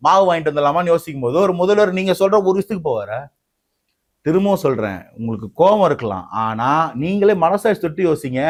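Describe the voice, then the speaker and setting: A man argues hard in a tense interview, his voice sitting somewhat high for a man. He mocks and talks over the other side. He presses his case without letting up. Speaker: party spokesman. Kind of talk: heated debate interview.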